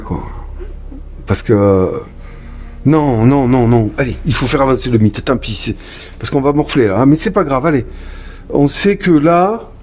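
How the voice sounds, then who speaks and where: A man's voice: mid-range voice, a little mellow. A man casually commenting on a solo board game he plays, reading cards aloud and talking to viewers with muttered asides. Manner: chatty, talks to viewers, mutters asides and sighs over bad luck. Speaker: solo board game player and channel host.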